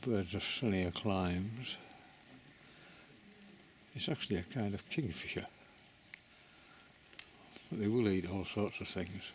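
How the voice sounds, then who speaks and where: Low-voiced man musing outdoors. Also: slow pace, long pauses, a little hiss or hum. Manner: chatty, musing, self-interrupting. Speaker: vlogger touring a bird and animal centre. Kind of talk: casual walking commentary. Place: outdoors at an animal centre.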